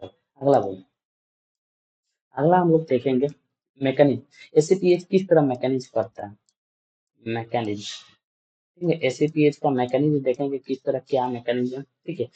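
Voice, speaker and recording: A man's voice: mid-range voice, moderate pace, long pauses, warm tone, breathy edge, highs cut off. A man teaching a nursing class, quizzing students and often answering his own questions, repeating each term several times. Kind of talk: classroom lecture.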